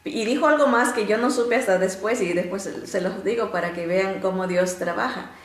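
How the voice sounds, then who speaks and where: A woman teaching a Bible lesson through stories, animated and often pausing on "este" and restarts. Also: reverberant. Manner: animated storytelling, often rising in pitch to act out quotes; frequent filler "este" and restarts.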